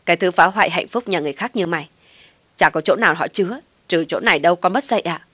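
A woman voicing a harsh older mother-in-law who yells insults. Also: fairly low pitch, fast, dry recording. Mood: screaming. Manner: yelling, insulting.

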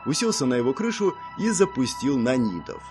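A man narrating a first-person audiobook. His delivery is steady and matter-of-fact, and his pitch moves in a lively way. Now and then he drops in a wry aside. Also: a little fast, music in the background.

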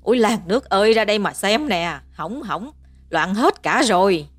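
A woman's voice: medium pitch, animated, moderate pace, dry recording, soft background music, lightly acted. A woman voicing a middle-aged peasant mother who screeches curses and insults at her daughter. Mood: scolding. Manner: screeching, cursing tirade.

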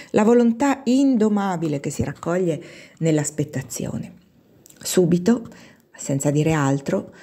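A woman narrating a classic novel aloud in a measured, expressive reading. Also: on the low side, breathy edge. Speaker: audiobook reader. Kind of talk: literary narration.

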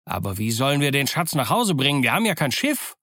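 Guy doing a mouthy pirate, complaining, a bit higher, storybook reading. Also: very animated, fast talker, a bit bright, dry recording. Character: mouthy restless male pirate sailor.

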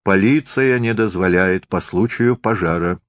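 A man voicing a sly, stern shop clerk who talks in a folksy, gruffly knowing way. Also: low-pitched, a little slow, no echo.

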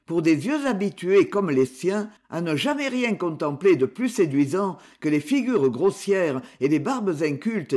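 A man reading a story aloud, his voice sitting high and rising and falling with a lively, expressive swing. He narrates with a dramatic touch. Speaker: audiobook narrator.

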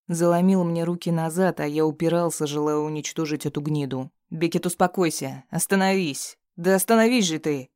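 A man's voice: fairly high pitch, dark tone, clear, resonant tone, no echo, studio quality. A man narrating a first-person audiobook in a tense, grim manner.

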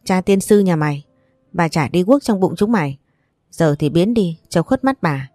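A woman's voice: lively intonation, normal speed, mellow, dry recording, natural voice. Woman reading as a cursing old grandmother. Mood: scornful. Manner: cursing, shrill scolding. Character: furious, foul-mouthed old grandmother.

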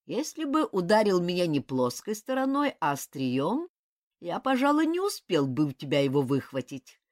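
A woman's voice: on the low side, very animated, moderate pace, darkish tone, no echo, clean studio sound. A woman reading the lines of a cunning, scheming male former god in an audiobook.

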